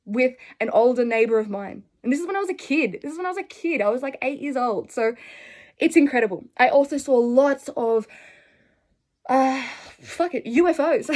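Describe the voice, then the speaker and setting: The young Australian spiritual vlogger's voice sits high and is a little mellow, with lively intonation at normal speed. She rambles through personal stories to camera, earnest and effusive in a casual way.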